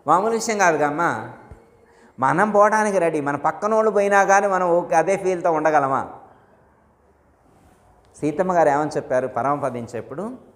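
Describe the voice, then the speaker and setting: A man, a guru, giving a devotional discourse to his disciples, telling stories and asking his listeners questions. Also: on the high side. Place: ashram hall. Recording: long hall reverb.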